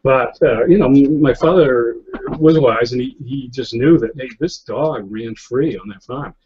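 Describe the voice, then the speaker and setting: A man's voice: medium pitch, measured pace, a little hiss or hum. A man in his fifties from New England, a photographer chatting casually in an interview over a video call, rambling with lots of fillers and restarts. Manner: rambling, many fillers and restarts, chuckles often. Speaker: guest photographer. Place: indoor room, seated in office chair. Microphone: webcam on a video call. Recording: slightly lo-fi video call audio.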